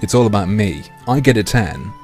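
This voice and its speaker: Low-voiced man on a livestream headset. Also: moderate pace, soft background music. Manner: crude, joking, deadpan boasts. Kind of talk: casual livestream chat and reading a game aloud.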